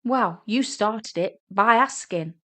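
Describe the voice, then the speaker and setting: In a romantic comedy audio story, a woman narrator plays a teasing younger sister who is sarcastic and immature, bickering in an excitable, mocking way. Her voice is medium in pitch, slow, and pushed up, and she sounds exasperated.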